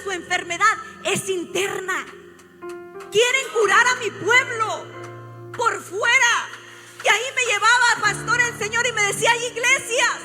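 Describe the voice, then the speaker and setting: A woman pastor delivering an impassioned sermon in a church, often rising to shouts. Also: very high-pitched, big-room sound. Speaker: prophet and pastor. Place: church sanctuary.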